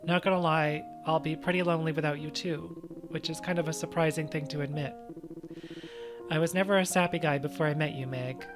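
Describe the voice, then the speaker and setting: A tough but tender monster man, as a player reads him speaks in a casual, slangy way, quiet and sincere. Game music plays steadily underneath the voice. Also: medium pitch, steady tone, a little fast, close to an everyday voice. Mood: gentle, wistful. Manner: casual, slangy, soft-spoken when sentimental. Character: gruff, tender monster man, big-hearted tough guy.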